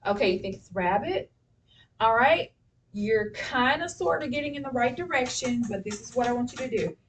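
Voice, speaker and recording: A woman teaches spelling to a class at normal speed, her voice on the high side and expressive. She repeatedly prompts with questions and fills pauses with "okay" and "all right," recorded from a distant mic with a faint hiss underneath.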